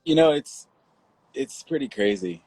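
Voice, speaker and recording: Low-voiced chatty man on a video call. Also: measured pace, breathy edge, low-quality recording. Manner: laughing, chatty, animated storyteller. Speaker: livestream guest. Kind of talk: casual chat.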